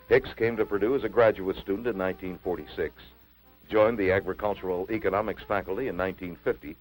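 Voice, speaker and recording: A man reads an old newsreel narration in a low voice. He has a measured, announcing delivery, and his pitch rises and falls a lot. Faint music plays underneath. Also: rough recording.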